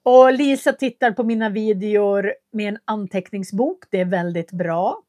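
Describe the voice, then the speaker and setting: Speaking in a mid-range, darkish voice, this Swedish language teacher from Köping, Västmanland, answers livestream viewers' comments in a relaxed way, hesitating in a friendly manner. The recording is dry and studio-clean.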